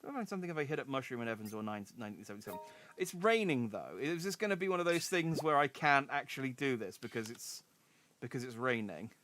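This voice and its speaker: A man's voice: mid-range voice, lively intonation, fast, fairly bright tone, a little hiss or hum. A man casually commenting as he plays a game and reads its dialogue aloud. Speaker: streamer.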